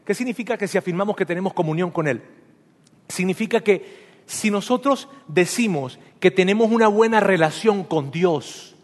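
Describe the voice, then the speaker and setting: A male pastor preaching an emphatic, animated sermon, addressing his congregation directly in a church. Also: sits high, moderate pace. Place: church sanctuary. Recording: long hall reverb.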